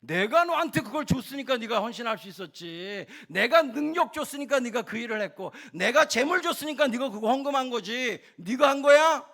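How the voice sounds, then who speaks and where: A preacher voicing the Lord, rebuking. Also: male voice, high voice, normal speed, voice pushed up, natural voice. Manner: questioning, rebuking. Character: the Lord, male, rebuking a proud servant.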